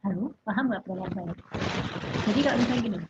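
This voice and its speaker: A woman's voice: medium pitch, fast talker, highs cut off. A woman teacher lecturing in an online class, her voice crackling and distorted over the call, often checking that students follow. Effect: crackling distorted audio. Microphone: video call.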